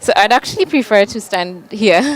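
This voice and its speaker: A woman's voice: a little high, animated, normal speed. A young woman from Kenya giving a conference panel talk, casual and full of ums. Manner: casual, with frequent ums and light laughs. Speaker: panel speaker. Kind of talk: conference presentation. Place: conference hall.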